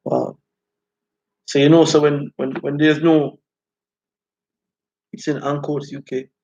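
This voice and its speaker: Guy doing live rasta style commentary, creaky voice, kinda dull lo-fi audio. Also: on the high side, level tone, unhurried, a little mellow. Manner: repeatedly checks listeners follow. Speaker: host of a live talk stream. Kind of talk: informal live commentary, reading out viewer comments.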